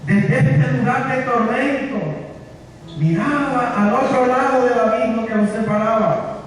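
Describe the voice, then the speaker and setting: A Colombian pastor preaching a sermon, retelling a story and asking the congregation rhetorical questions, in a large church hall. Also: male voice, very high voice, fairly even intonation, measured pace, a little hiss or hum. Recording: echoey hall from far off.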